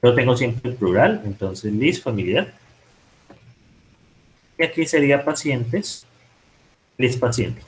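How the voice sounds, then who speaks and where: A man's voice: medium pitch, animated, takes it slowly, long pauses, low-quality recording. A man teaching programming, thinking aloud and correcting himself as he types code in a screen-recorded lesson. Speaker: programming instructor. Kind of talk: live-coding tutorial.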